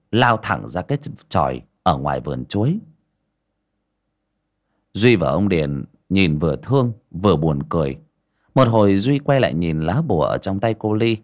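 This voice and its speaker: A man narrating a story audiobook in an expressive storytelling manner. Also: on the low side.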